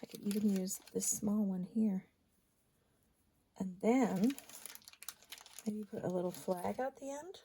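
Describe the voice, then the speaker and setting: Woman, crafting demonstrator, casual think-aloud tutorial, slightly raspy edge. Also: mid-range voice, slow pace, long pauses, slight background noise. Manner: chatty, thinks aloud, drops into soft asides. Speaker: card-making demonstrator.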